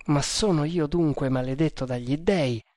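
A man's voice: fairly high pitch, normal speed, a little mellow, dry recording, clean studio sound, natural voice. A man voicing a fierce young male hero on the run, with frantic, impassioned exclamations. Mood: furious.

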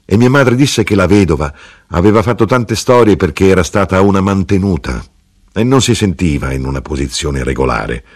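A man narrating an audiobook of literary fiction, unhurried and expressive. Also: deep voice, husky.

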